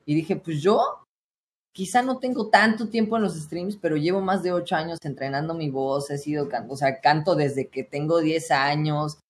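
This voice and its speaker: A man's voice: a little high, normal speed, slight background noise. A young Mexican man, a streamer and voice coach, talking earnestly in a casual podcast chat with many restarts. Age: young adult. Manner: earnest, advice-giving, frequent "o sea" restarts.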